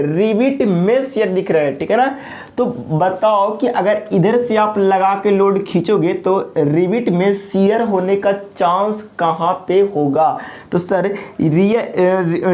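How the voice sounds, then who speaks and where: A woman giving an engineering lecture, posing questions to the class and answering them herself, repeating key terms slowly. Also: medium pitch, warm tone.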